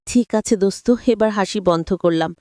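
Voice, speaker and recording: A woman's voice: medium pitch, moderate pace, mellow, no room sound, studio quality, lightly acted. A woman voicing the narrator's playful, teasing young female best friend in a spoken story. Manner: playful, giggly.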